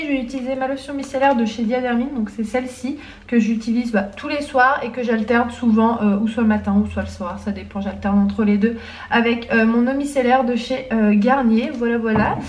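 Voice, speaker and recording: A woman's voice: a little high, darkish tone, slight background noise. A young adult woman, a student vlogger, chatting casually at home, hesitant and full of fillers. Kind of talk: casual chat to camera.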